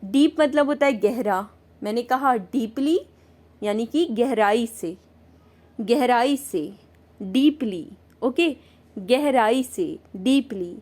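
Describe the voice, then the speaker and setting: Slow, patient Indian woman teacher. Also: on the high side, lively intonation, a little mellow. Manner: repeats each word and its meaning patiently. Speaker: English teacher. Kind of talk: slow vocabulary lesson with repetition.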